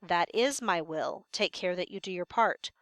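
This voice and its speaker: A woman's voice: on the low side, moderate pace, no echo, studio quality, pitched below the performer's own voice, close to an everyday voice. A woman voicing a stern male king who gives curt commands, read aloud from a play.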